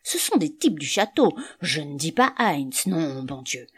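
A woman's voice: sits low, big pitch swings, a little slow, husky, exaggerated voice. A woman reading an audiobook, voicing a grumbling, scornful middle-aged male canvasser with an indignant, sneering manner.

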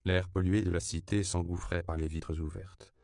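A man reading an audiobook in even, measured scripted narration. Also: sits low, gravelly, no room sound, clean studio sound.

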